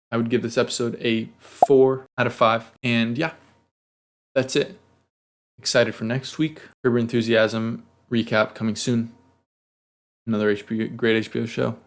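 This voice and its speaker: A young man recaps a TV episode on his own in a casual, rambling way. His voice sits low and has a gravelly edge. He restarts lines and drops quick asides as he goes. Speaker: TV recap host.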